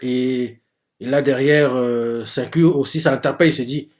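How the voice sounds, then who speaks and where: A man speaks at normal speed in a mid-range, slightly mellow voice with fairly even intonation. Running a live manga reaction stream, he narrates each page while reading, thinking aloud, hesitating, and filling pauses with "euh" and "en gros." He explains as he goes, reading out others' lines in his own voice as summaries.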